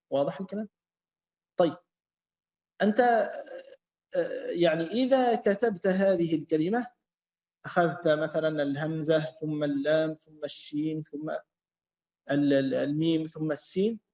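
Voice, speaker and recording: A man teaching a lesson to a class, talking slowly, repeating himself and quizzing students. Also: a little high, a little mellow. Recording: echoey, dull-sounding classroom.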